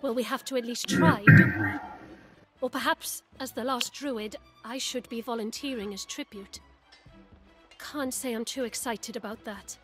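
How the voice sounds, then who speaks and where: A woman voicing a wry, hopeful druid, the last of her order, in measured, conversational video game dialogue. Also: fairly high pitch, steady tone, over music, natural voice. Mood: uneasy.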